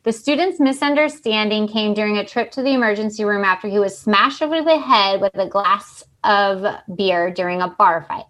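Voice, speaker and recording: A woman co-hosting a podcast, chatting and reading stories aloud in an animated way with chatty asides. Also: medium pitch. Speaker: podcast co-host.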